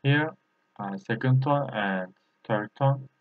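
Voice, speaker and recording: A man teaching in a halting, repetitive way, practicing tones by drilling syllables one at a time. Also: mid-range voice, no room sound. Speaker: Chinese language teacher. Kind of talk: slow pronunciation lesson, practicing tones by repeating syllables. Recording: dull lo-fi recording.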